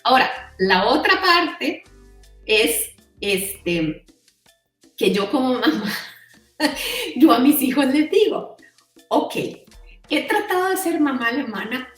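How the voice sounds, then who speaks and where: A woman's voice: high-pitched, very animated, slow pace, pauses often, soft background music. Costa Rican woman, roomy and distant. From Costa Rica. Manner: chatty, many fillers like "o sea" and "¿verdad?". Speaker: guest. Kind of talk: casual conversational interview.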